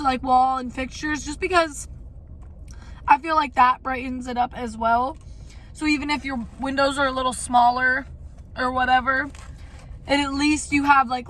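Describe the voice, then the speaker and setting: A young adult woman vlogger with a high-pitched, fairly bright voice rambles through a casual, candid life update, swearing mildly here and there.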